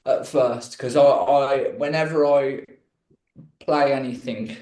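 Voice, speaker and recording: A man's voice: mid-range voice, steady tone, slow pace, a little mellow. A talkative man from Birmingham, England, telling his story in a casual interview. His speech rambles and he pokes fun at himself. The sound is roomy and echoey. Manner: chatty, rambling, self-deprecating. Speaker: guest musician.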